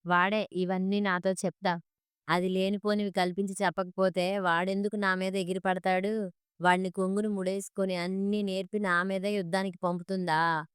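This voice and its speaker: A woman voicing a sharp-tongued middle-aged mother-in-law who complains and scolds in a storybook monologue. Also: mid-range voice, flat delivery, normal speed, smooth, no room sound, clean studio sound, close to an everyday voice. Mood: grumbling.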